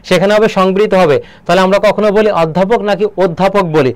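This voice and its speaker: A Bangladeshi man teaching an online exam-prep class, explaining and quizzing students with quick questions. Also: high-pitched, darkish tone, clear, resonant tone, dry recording. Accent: Bangladeshi Bengali.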